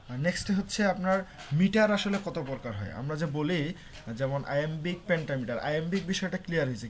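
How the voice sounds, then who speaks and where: A young lecturer explains terms step by step to his online class. His voice sits a little high for a man. He drops in English phrases and pauses often on "uh". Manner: mixes English terms into explanations, frequent "uh" fillers.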